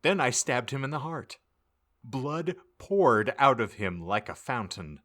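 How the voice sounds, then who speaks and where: A podcast host reads fan fiction aloud as a comic audiobook, narrating in a theatrical, mock-serious way. His voice is medium-pitched, unhurried and fairly bright.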